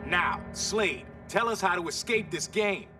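An actor playing a brash, streetwise young cyborg superhero in a video game, punchy and slangy. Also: male voice, high-pitched, measured pace, distant mic, over music. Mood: brash, urgent. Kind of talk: video game cutscene acting.

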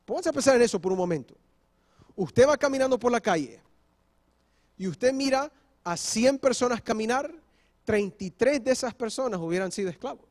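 A man's voice: very high voice, expressive, moderate pace, pauses often, darkish tone. A male pastor preaching a sermon, explaining step by step and often checking in with the congregation. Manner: switches briefly into English. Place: church.

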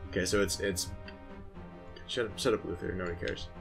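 A man's voice: low voice, fairly even intonation, brisk, vocal fry, music in the background. A young man co-hosting a let's play, flustered and muttering curses as he struggles with the controls. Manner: flustered, muttering and cursing while playing. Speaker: gaming channel co-host. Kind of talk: casual let's play commentary.

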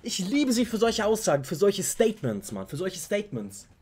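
A man's voice: sits high, sing-song, normal speed, a little mellow, slightly rough. Hyped young man gushing in a reaction. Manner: hyped, gushing, mixes English slang into German. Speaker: reaction video host. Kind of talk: excited music reaction chat.

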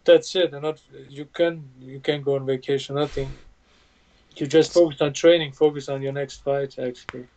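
Bosnian man talking flat over a video call. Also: mid-range voice. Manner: plain halting speech with many fillers. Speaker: UFC fighter guest. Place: home room indoors. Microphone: video call webcam. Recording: dull lo-fi video call audio.

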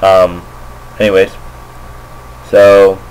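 This man speaks extremely slowly in a low, monotone voice that's darkish, clear and resonant. An amateur Go player, he gives hesitant, unscripted commentary, thinking aloud indoors at his computer as he voices over a screen recording. The makeshift computer mic makes for a rough recording.

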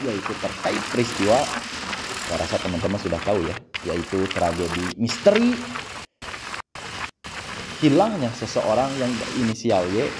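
Young man, deep low voice, casual motorbike travel vlog, chatty and repetitive, loud engine roar behind. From West Java, Indonesia. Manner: chatty, repeats phrases, often addresses viewers as friends. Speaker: motovlogger. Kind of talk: casual travel vlog narration while riding. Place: outdoors on a motorbike on a busy road. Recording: loud engine and road noise.

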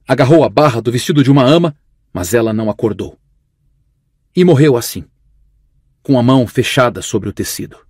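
A man reading an audiobook aloud with expressive, storytelling intonation. His husky voice swings widely in pitch. The recording sounds dry and close, with no room sound. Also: no echo. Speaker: audiobook narrator. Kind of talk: scripted audiobook narration.

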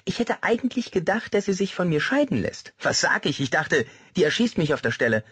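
A man doing a squeaky little convict. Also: sing-song, a little fast, fairly bright tone, husky, dry recording, exaggerated voice. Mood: griping. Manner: crude, chatty, indignant. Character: squeaky little male convict, blunt boaster.

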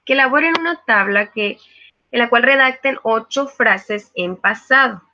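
A woman's voice: fairly high pitch, a little slow, sharp tone, muffled recording, a little hiss or hum. A woman, a virtual tutor giving a live online class, explaining patiently with frequent hesitations. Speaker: virtual tutor teaching English.

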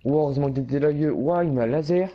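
A man's voice: on the high side, fast talker, highs cut off. A man talking casually with his squad over a video game voice chat. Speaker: gamer. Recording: slightly noisy game voice chat, gunfire.

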